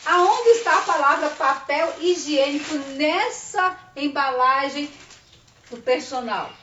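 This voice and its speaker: A woman with a Brazilian accent, a literacy teacher giving a chatty, expressive online lesson and acting out little dialogues. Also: sits high, slow pace. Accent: Brazilian Portuguese. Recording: muffled, roomy, distant mic with faint hiss.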